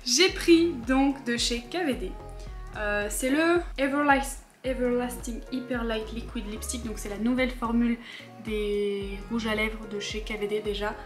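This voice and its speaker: A young woman with a fairly high voice chats through a beauty haul at home, rambling and a little worked up while laughing at herself. Music plays clearly under her voice the whole time. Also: steady tone, unhurried. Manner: chatty, rambling, riled up and self-mocking. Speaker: beauty vlogger. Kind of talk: casual haul chat to camera.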